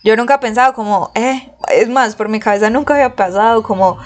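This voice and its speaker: A woman's voice: a little high, brisk. A young woman with a Colombian accent, telling a personal story in casual, slangy talk and acting out the quotes. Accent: Colombian Spanish. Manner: slangy, animated, acts out quotes.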